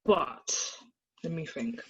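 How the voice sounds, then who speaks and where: A woman's voice: sits low, takes it slowly, slight background noise. Chatty young woman, lo-fi sound. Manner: chatty, animated, lots of fillers. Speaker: guest, anime fan. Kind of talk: casual interview chat. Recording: slightly dull lo-fi audio.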